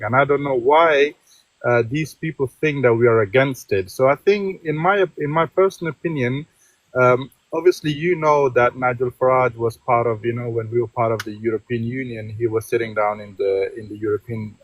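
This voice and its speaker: A man from Afghanistan calls in to a live stream with a long opinion. He rambles and fills his pauses with uh and um. The recording is dry and close. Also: medium pitch, no room sound, poor audio. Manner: rambling, many fillers and restarts. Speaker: caller.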